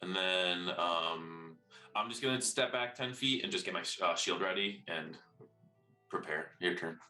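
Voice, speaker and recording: A man's voice: deep voice, measured pace, bright, forceful tone. A man playing a tabletop role-playing game, calling out his moves casually and thinking aloud. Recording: roomy echo, faint music behind.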